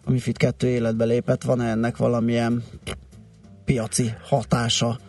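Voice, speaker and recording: A male business radio host asks casual, searching questions about currencies. His tone is mellow and dark. He sounds set back from the microphone. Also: medium pitch, monotone, gravelly, distant mic, faint music behind. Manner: conversational questioning, brief backchannels.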